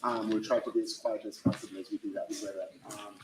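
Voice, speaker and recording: A man making quiet, practical announcements about the stage setup at a live theater event, with hesitant ums. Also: lowish voice, fairly even intonation, fast talker, background noise. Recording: echoey theater, voice from far off.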